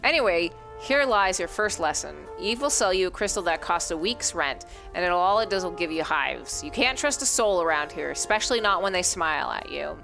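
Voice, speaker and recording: A woman's voice: lowish voice, lively intonation, fairly quick, creaky, few pauses, fairly bright tone, faint music behind. A woman voicing a sheepish, wry stranger in a game, in close to her own voice. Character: awkward, friendly sharp-toothed stranger.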